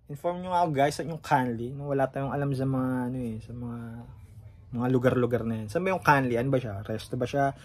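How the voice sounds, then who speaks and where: A man's voice: mid-range voice, fairly quick, a little mellow, slightly rough. A man talking casually to his viewers as he reacts to a song, often asking them questions and swearing in surprise.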